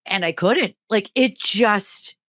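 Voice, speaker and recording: A middle-aged podcast co-host and teacher takes her time telling a funny anecdote in casual chat, acting out each quote with animated leaps in her voice. The studio recording is clean, with no room sound.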